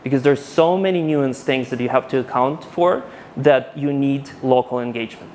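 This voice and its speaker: A man in his thirties from Ukraine giving a conference talk with a handheld mic, animated and casual, often restarting his sentences. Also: mid-range voice, normal speed, slight background noise. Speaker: conference speaker. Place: conference hall.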